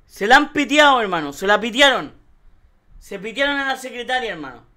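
Brief: Chilean streamer, man, high and bright voice, exasperated and laughing at his chat. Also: sing-song, brisk. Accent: Chilean Spanish. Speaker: livestreaming host. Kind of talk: live-stream chat reactions.

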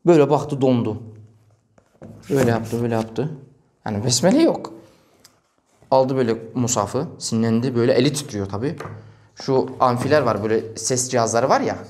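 A man's voice: medium pitch, brisk, long pauses, a little hiss or hum. A male preacher telling a story in a religious talk, acting out the dialogue. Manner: animated, acts out quoted dialogue.

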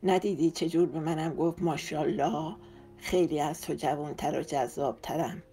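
A woman's voice: sits low, fairly even intonation, warm tone. A woman voicing a mischievous, mocking younger man who jokes constantly, in an audiobook. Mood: teasing. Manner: mocking, playful.

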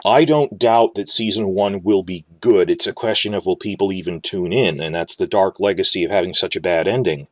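A man from the New York area, a fantasy TV commentator, rambles and speculates in casual solo commentary, often restarting his words. His voice is low-pitched and brisk with few pauses, and there is no room sound.

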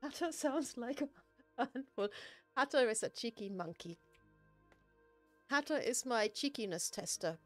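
A woman's voice: fairly high pitch, animated, unhurried, pauses often, faint music behind. A woman streaming a building game, chatting casually, laughing often and poking fun at herself. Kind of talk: casual gameplay chat.

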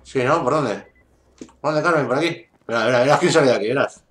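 A man with a Spain accent commenting casually on a game. He mutters slangy, sweary remarks at a middling pitch in an echoey room. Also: quick pace, a bit bright, a little hiss or hum. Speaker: gameplay streamer.

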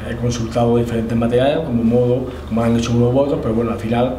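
A man's voice: medium pitch, flat delivery, rapid-fire. A middle-aged man with an Andalusian accent telling his story conversationally in a casual interview. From Spain, Andalusia. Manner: conversational, often adds tag questions. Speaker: interviewee, Holy Week proclamation orator. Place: indoors, room with display cabinets. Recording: echoey, slightly distant, faint noise.

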